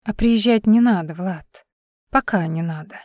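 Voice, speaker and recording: A woman's voice: medium pitch, measured pace, no room sound, clean studio sound, close to an everyday voice. A woman voicing a subdued, heartbroken young woman. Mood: sad. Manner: soft, subdued.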